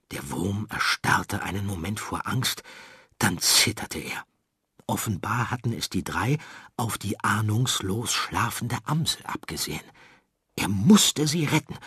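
A man narrating a children's story in a calm, expressive way. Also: lowish voice, husky, no room sound, studio quality.

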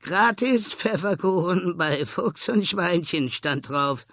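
A man's voice: high voice, lively intonation, slow, bright, forceful tone, no echo, clean studio sound, voice pushed up, exaggerated voice. A man voicing friendly, cheerful sheep greeting their hosts in a storybook reading.

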